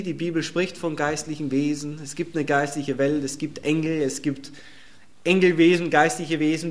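A male pastor preaches a sermon in an emphatic, conversational way. His voice sits a little high for a man, and he swings between loud, pressing lines and quiet asides with an occasional chuckle.

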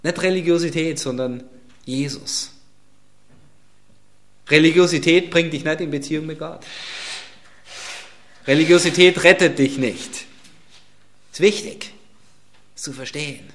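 A man preaching a sermon in a fairly high voice. He drives each point home with repeated phrases, then drops to a hush before rising to loud emphatic lines again. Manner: swings from emphatic loud lines to hushed near-whispers.

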